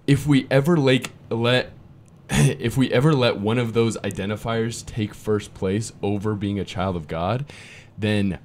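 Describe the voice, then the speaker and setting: A man's voice: lowish voice, a little mellow, a little hiss or hum. Upbeat young man co-hosting a podcast. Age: 20s. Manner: casual and upbeat, quick asides, reads verses aloud. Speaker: podcast co-host. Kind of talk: podcast conversation with scripture reading.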